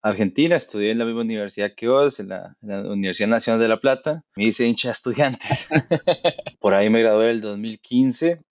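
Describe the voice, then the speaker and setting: A man in his thirties from Costa Rica, a veterinarian guest, explaining his work in a relaxed, thoughtful, conversational way. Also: lowish voice, a little fast, dry recording, lo-fi sound. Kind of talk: casual conversational interview.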